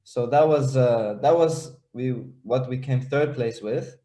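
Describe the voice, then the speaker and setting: A man's voice: mid-range voice, measured pace, dark tone, reverberant. A young man from Denmark and Israel, a startup founder presenting on a video call, talking hesitantly with many fillers and restarts.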